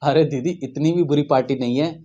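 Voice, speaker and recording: A man's voice: medium pitch, fairly even intonation, brisk, mellow, lo-fi sound, soft background music. A man hosting satirical news, with mocking, sarcastic asides.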